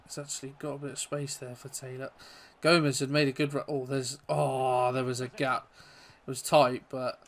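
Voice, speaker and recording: A man giving chatty live commentary over his own football video game, self-deprecating and bursting into excitement at goals. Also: mid-range voice, normal speed, hardly any pauses. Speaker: gaming YouTuber.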